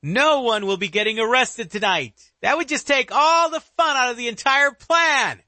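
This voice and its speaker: A man's voice: very high voice, animated, normal speed, bright, forceful tone, no echo, voice pushed up, heavily acted. A man voicing a menacing male killer who taunts his victims from the darkness, his voice raised well above his own. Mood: gloating. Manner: gloating, taunting.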